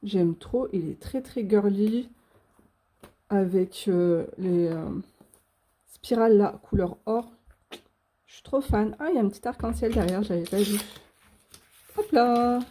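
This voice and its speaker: A woman's voice: mid-range voice, measured pace, pauses often, dark tone, a little hiss or hum. A young woman hosting a casual unboxing video, chatty and gushing with frequent fillers. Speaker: coloring channel host.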